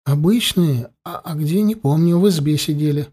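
A man's voice: on the high side, moderate pace, warm tone, breathy edge. A man voicing a frightened teenage boy who stammers and falters as he answers.

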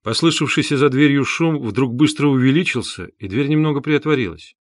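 Male audiobook narrator, mid pitch, steady measured reading, dry close recording. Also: dry recording. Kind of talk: scripted narration.

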